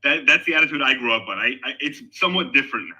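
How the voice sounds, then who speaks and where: Animated, bright-voiced Israeli-born man. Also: medium pitch, very fast, poor audio. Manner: animated, emphatic, with frequent restarts. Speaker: guest in an online discussion. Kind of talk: casual debate talk. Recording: voice call on a discussion server.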